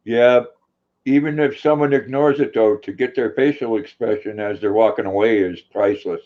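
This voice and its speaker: A man's voice: lowish voice, steady tone, moderate pace. A man chatting casually and jokingly on a livestream. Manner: joking, prone to laughing. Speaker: livestream participant. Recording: dull, lo-fi livestream audio.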